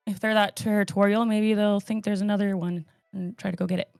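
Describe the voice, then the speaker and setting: A woman's voice: mid-range voice, flat delivery, fairly quick, gravelly, darkish tone, no room sound. A woman talks through plans as a player in a streamed tabletop game, questioning and proposing moves. Her voice is dry and close, with faint music underneath. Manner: asks questions and plans tactics. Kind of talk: casual online game chat.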